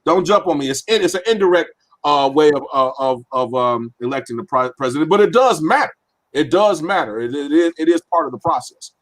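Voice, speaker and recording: A man's voice: on the high side, lively intonation, fairly quick. A man co-hosting a casual political discussion, explaining definitions and voting step by step with many fillers. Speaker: podcast co-host.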